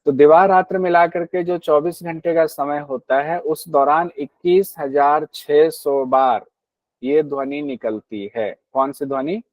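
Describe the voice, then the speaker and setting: A man's voice: fairly high pitch, unhurried, a little mellow, no room sound, low-quality recording. A man teaching a class on a yoga text, explaining patiently, repeating key points and asking his students questions.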